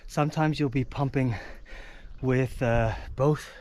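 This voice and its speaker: A man's voice: medium pitch, steady tone, takes it slowly, a little mellow. A man vlogging outdoors on a lake, out of breath and casually explaining his technique between tries. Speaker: foiling vlogger.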